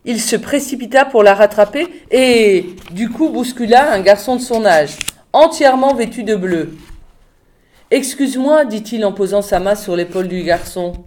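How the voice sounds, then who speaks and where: Woman, audiobook reading, steady, measured narration. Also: medium pitch. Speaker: reader of a novel. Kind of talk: reading a novel aloud.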